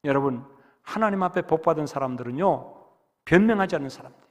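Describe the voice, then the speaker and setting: A man preaching a sermon as pastor, dramatic, rising to loud exhortation and dropping to hushed whispers. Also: a little high, lively intonation, fast talker. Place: church sanctuary. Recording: long reverb of a church hall.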